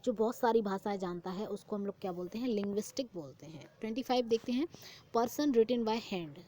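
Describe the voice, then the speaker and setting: A young woman's exam-prep lesson has her reading English phrases slowly and explaining them in Hindi, often repeating answers in question form. The voice is medium-pitched and mellow, and there is slight background noise.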